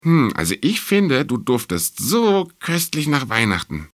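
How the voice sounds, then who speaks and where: A man's voice: medium pitch, wildly swooping pitch, unhurried, dry recording, studio quality, pitched above the performer's own voice. A man voicing a tiny, eager mouse in a storybook reading, with a raised, sweet voice.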